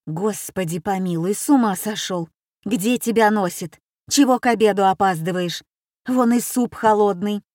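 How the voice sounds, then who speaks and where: A woman voicing a bustling mother who scolds briskly at the dinner table. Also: mid-range voice, darkish tone, dry recording, clean studio sound, close to an everyday voice. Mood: scolding.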